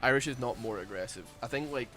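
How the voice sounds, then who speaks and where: A man's voice: mid-range voice, fast talker, pushed and bright, soft background music. A Scottish man with a Glaswegian accent and a lisp, mumbling and rambling in casual chat while streaming a game. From Scotland. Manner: mumbling, rambling with many fillers.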